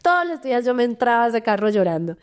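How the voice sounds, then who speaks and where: A woman co-hosts a relaxed interview and tells a story in conversational speech. Her voice sits somewhat high. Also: fast, smooth. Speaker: podcast co-host.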